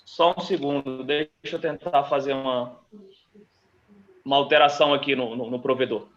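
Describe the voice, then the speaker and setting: A lawyer speaking formally in a court hearing over a video call whose connection keeps breaking up and dropping out. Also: male voice, mid-range voice, steady tone, moderate pace, a bit bright. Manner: polite and formal, addressing the judge. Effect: breaking-up online call that drops out. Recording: muffled echoey video-call audio.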